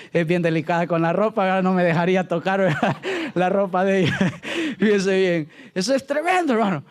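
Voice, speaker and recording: A male pastor leading a conversational Bible study, joking and constantly checking in with his listeners. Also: sits high. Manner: joking, keeps asking the congregation "¿verdad?" and "¿aló?".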